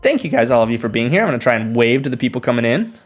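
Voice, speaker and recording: A young man from the northern United States with an American accent, hosting a relaxed livestream question-and-answer session as an English teacher, greeting viewers and explaining with examples. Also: mid-range voice, fast talker, soft background music. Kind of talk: livestream Q&A, bilingual.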